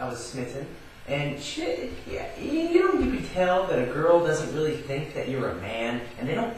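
A man casually telling a personal story, rambling with lots of fillers and building to excited yelling. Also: on the high side. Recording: very echoey room, far from mic.

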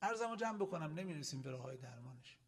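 A male cleric preaching a Muharram sermon in an Islamic center hall, impassioned, swinging from loud exhortation to hushed asides. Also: fairly high pitch, big pitch swings, husky.

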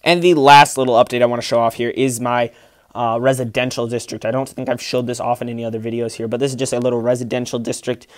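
A man's voice: medium pitch, little pitch movement, fast, no echo. A man hosting a casual vlog, showing off his Lego city and rambling with lots of fillers and restarts while filming it on a handheld phone. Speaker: Lego city builder and channel host. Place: indoor room with a large Lego table, behind the camera.

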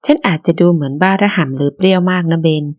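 Brief: woman doing a self-assured young student, cool and blunt, lowish voice. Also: fast talker, natural voice. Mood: cool, frank. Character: proud, teasing female university student.

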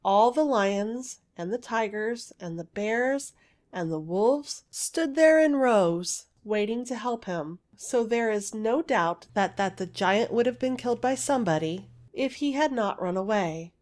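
A woman narrating a fairy story in a gentle, even storytelling manner. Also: a little high, unhurried. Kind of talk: audiobook fairy story reading.

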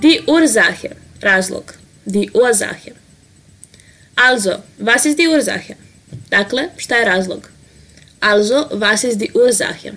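A woman teaching vocabulary, saying each word and example slowly, then translating it quickly. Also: mid-range voice, lively intonation, fairly bright tone. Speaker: language teacher. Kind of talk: vocabulary lesson.

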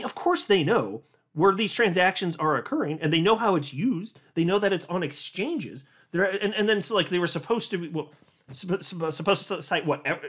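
A man's voice: high-pitched, a bit bright, husky. A man hosting a crypto commentary, reading a legal filing aloud and reacting with sarcastic disbelief, often restarting words as he gets worked up. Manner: incredulous, sarcastic, laughs in disbelief.

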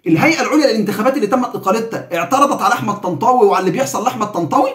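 A man's voice: high voice, animated, racing, fairly bright tone, reverberant. A man with an Egyptian accent giving heated, sarcastic political commentary.

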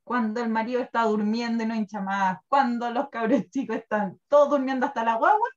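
A woman's voice: on the high side, brisk. Chatty Chilean woman on a dull recording. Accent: Chilean Spanish. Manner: chatty and animated, laughs often, tells things with feeling. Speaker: guest presenting wellness products. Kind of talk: casual chat.

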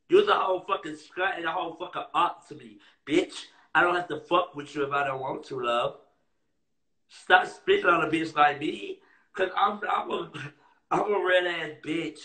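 A man's voice: sits high, bright, forceful tone. A man on a livestream, taunting and confrontational, repeating his jabs over and over on a phone mic. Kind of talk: heated livestream rant. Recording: roomy echo.

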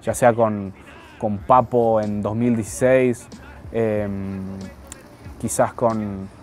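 A man's voice: on the low side, fairly even intonation, slow, a little mellow, faint music behind. A man in his twenties from Tucumán with an Argentine accent, talking casually and hesitantly in an interview, often repeating words. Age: 20s. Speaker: freestyle rapper interviewed.

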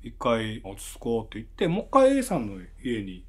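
Kansai guy telling a ghost story, voice jumps all over, really animated. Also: medium pitch, normal speed, husky. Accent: Kansai Japanese. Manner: animated, acts out the people in the story.

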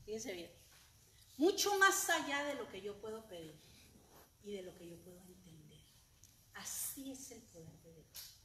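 A woman pastor preaching a fervent sermon, swinging from soft near-whispers to loud cries. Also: medium pitch, lively intonation, a little slow, long pauses. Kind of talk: Spanish-language church sermon. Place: church sanctuary. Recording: echoey church room with faint noise.

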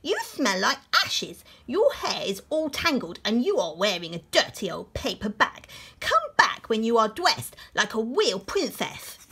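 Brief: woman voicing a priggish young prince, snooty and a touch high, lively delivery. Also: unhurried, husky, heavily acted. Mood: scornful. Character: fussy, vain young prince.

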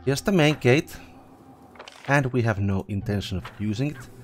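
A man's voice: mid-range voice, animated, moderate pace, faint music behind. A man casually commenting as he plays a fantasy game, thinking aloud and reacting to the fight. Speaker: let's play host.

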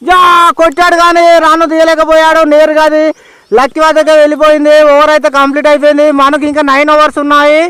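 A man's voice: extremely high pitch, monotone, fast talker, a bit bright, no room sound. A man with a Telangana Telugu accent giving informal, exclamatory ball-by-ball cricket commentary, often repeating his calls.

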